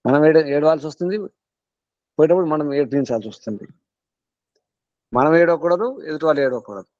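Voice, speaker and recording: A man's voice: fairly high pitch, fast talker, darkish tone, no echo, highs cut off. A man with a Telugu accent, a guru giving a spiritual discourse to his students. He urges them on in earnest, repeating his points again and again. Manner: earnest, repetitive exhortation. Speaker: guru teaching a spiritual class.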